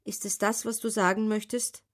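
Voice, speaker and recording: Give me a tender shepherd boy in a children's story, lifted and bright, earnest and giving, as a woman reader puts him on. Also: mid-range voice, flat delivery, normal speed, pitched above the performer's own voice, natural voice. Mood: gentle. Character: kind young shepherd boy, gentle and giving.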